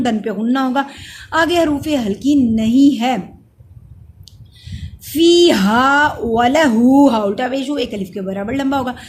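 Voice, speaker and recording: A woman teaching Quran recitation rules step by step. She chants the verse words slowly and loudly, then explains each rule in a plainer, lower voice, and sometimes stops to correct herself. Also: slight background noise. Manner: self-correcting, says sorry. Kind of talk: step-by-step tajweed lesson.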